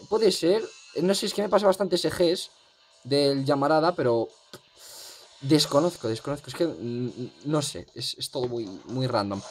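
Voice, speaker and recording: Chatty young gaming commentator. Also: male voice, fairly high pitch, a little mellow. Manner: rambling, chatty, lots of fillers. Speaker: gaming youtuber. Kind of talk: casual gameplay commentary.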